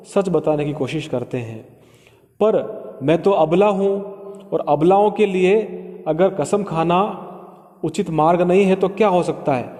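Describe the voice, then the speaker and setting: A man's voice: high voice, mellow. Man lecturing in a reverberant hall. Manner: explains patiently, paraphrases each verse line. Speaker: literature lecturer. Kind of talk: explaining a poem to students.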